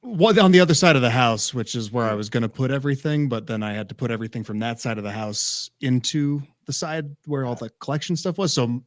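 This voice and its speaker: A man's voice: medium pitch, animated, quick pace, hardly any pauses, no echo, clean studio sound. A man speaking as a guest on a livestream, easygoing while telling a story. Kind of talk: casual chat.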